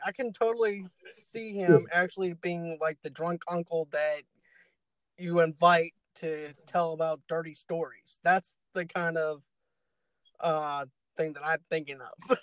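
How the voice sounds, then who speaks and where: A man with a Boston accent co-hosting a podcast in casual chat, animated and laughing often. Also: a little high, dry recording, rough recording. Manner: animated, laughs often, slips into put-on voices. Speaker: podcast co-host.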